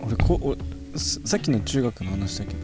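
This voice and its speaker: Man, animated intonation, mid pitch, casual quips and reactions, clear guitar music behind. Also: a little fast. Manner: reactive listener with short interjections and quips. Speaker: radio talk show co-host. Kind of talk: casual chat.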